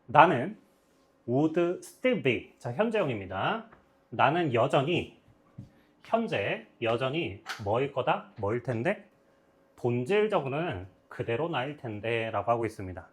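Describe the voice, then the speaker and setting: A man teaching English grammar, his voice rising and falling a lot as he walks through each sentence. He stops often to check whether the class has followed. His pitch sits in the middle of the usual range. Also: very animated, moderate pace, slightly rough. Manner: explains step by step, checks often with "got it?". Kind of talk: grammar lecture.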